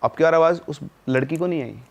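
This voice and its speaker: A man's voice: fairly high pitch, brisk. A man casually telling a true horror story, dropping his voice at tense moments. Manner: conversational, drops voice at tense moments.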